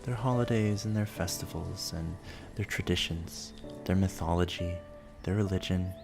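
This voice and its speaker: A man rambling softly and sleepily, musing gently and without hurry in short phrases as he hosts. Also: low-pitched, fairly even intonation, moderate pace, creaky, over music. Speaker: host of a relaxed rambling show. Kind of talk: soft sleepy rambling, narrating a town-building game.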